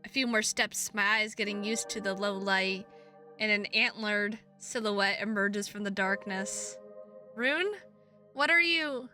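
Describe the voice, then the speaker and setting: A woman streams a visual novel, reading its text aloud and chatting with viewers through playful, goofy asides. Her mid-range voice moves at a measured pace and sits close to the microphone, with music playing behind her.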